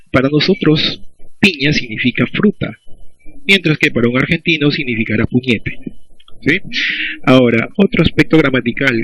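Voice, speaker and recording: A man's voice: medium pitch, creaky, a bit bright, no room sound, muffled recording. A man, teaching a recorded language lesson in a methodical way and often checking in with "¿sí?". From Peru.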